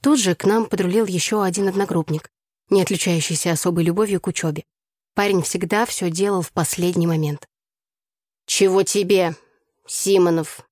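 A woman's voice: fairly low pitch, fairly quick, no room sound. Woman narrating an audiobook, dry close sound. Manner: calm first-person storytelling. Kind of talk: scripted narration.

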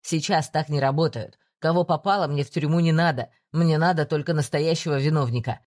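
A woman voicing a calm male police investigator who talks low, steady and coaxing in an audiobook. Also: brisk, close to an everyday voice. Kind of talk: audiobook reading.

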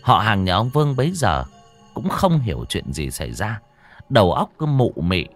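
A low-voiced man tells a ghost story with a lively, swooping delivery. His narration is dry and close, with faint music beneath it. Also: normal speed. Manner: dramatic, animated delivery. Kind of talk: scripted horror story narration.

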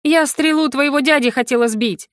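A woman voicing an indignant, quick-tongued young heroine who is pregnant, in an audiobook. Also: extremely high pitch, steady tone, a bit bright, no room sound, studio quality, voice pushed up.

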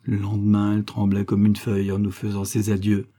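A man reading a classic novel aloud as scripted literary narration, measured and expressive. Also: on the low side. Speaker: audiobook reader.

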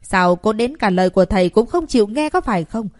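Woman narrator as a spiteful young student, shrill, accusing, whiny; dry recording. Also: expressive, brisk, dry recording, lightly acted. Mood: scolding.

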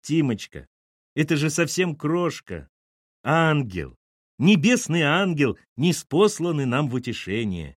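A man's voice: a little high, big pitch swings, unhurried, no room sound, clean studio sound, voice pushed up. A man voicing a fussy, tearful grandmother who gushes sentimentally in an audiobook. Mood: gushing. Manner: gushing, sentimental.

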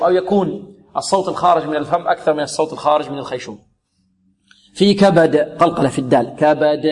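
A man teaching Quran recitation rules, patiently drilling each sound slowly and answering his own questions. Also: fairly high pitch, darkish tone, in a large hall. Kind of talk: tajweed lesson with recited examples.

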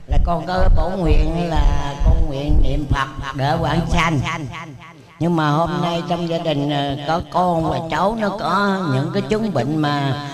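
A man in his eighties, a lay Buddhist, asks a question in a halting, humble way with many pauses. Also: on the high side. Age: 80s. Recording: crowded temple hall.

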